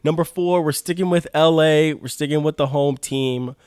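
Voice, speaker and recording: A young podcast co-host chats eagerly and casually about sports uniforms, full of "like" fillers and restarts. His fairly high voice is a little mellow, clear, and resonant, moving at a moderate pace in a clean, echo-free studio recording.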